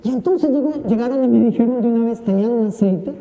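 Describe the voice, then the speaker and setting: A priest giving a homily during Mass, telling a humorous personal story and acting out the voices of the people in it. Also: male voice, very high voice, quick pace, warm tone, in a large hall, lo-fi sound.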